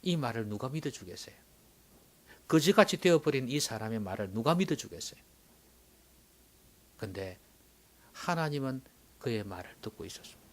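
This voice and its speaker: A male pastor preaching a sermon, swinging dramatically from loud exclamations to hushed whispers. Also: mid-range voice, animated, moderate pace, pauses often.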